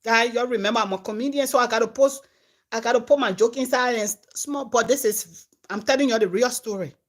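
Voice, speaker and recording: A Liberian comedian and content creator talks fairly quickly in a voice on the high side, telling her followers a story. The telling is informal and lively, veering between loudness and near-whispers.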